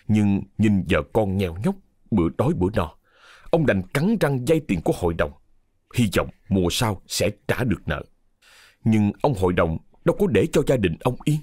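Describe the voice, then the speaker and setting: A man narrating a ghost story in a dramatic, expressive storytelling manner. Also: fairly low pitch, husky, dry recording, clean studio sound. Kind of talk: scripted horror story narration.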